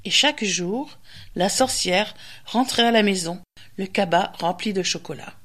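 A woman storyteller and radio host reading a children's tale aloud with lively, expressive pacing. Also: medium pitch, a little slow.

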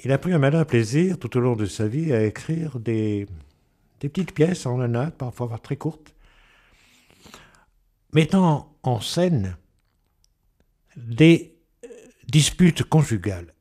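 Man presenting a play, measured and explanatory. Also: mid-range voice, expressive, dark tone. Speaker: presenter introducing and reading a play. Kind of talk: spoken introduction and dramatic reading.

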